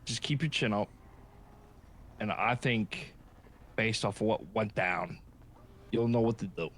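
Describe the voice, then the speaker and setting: A man playing an earnest, supportive friend in improvised game role-play, chatting casually in a halting, repetitive, consoling way. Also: on the low side, a bit bright, a little hiss or hum.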